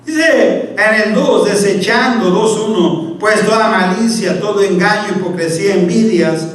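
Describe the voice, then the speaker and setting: A man's voice: high voice, measured pace. A man preaching a sermon as pastor, reading scripture and constantly calling out to his listeners as brother. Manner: repeatedly addresses listeners as "hermano"; reads scripture and asks the congregation "¿sí o no? Amén". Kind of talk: Baptist sermon. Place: church sanctuary. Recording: very echoey church, mic at a distance.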